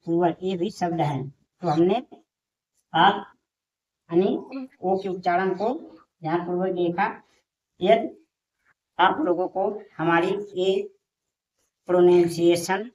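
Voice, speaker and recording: A woman's voice: lowish voice, darkish tone. A woman teaching a lesson step by step, patient and repeating each point. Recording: dull lo-fi recording.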